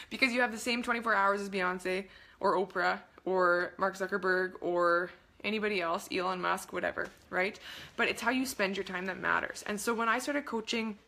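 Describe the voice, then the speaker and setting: A young woman hosting a casual coaching webinar, bubbly and rambling, gushing with enthusiasm and acting out little dialogues in a higher voice. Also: creaky, bright, forceful tone. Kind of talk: casual webinar talk to camera.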